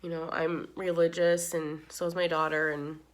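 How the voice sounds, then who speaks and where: Woman, middle-aged, lowish voice, crying, rambling casual chat, heartfelt. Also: flat delivery, moderate pace. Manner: rambling, many "you know"s, tearful and heartfelt. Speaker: makeup vlogger. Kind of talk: casual chat while doing makeup.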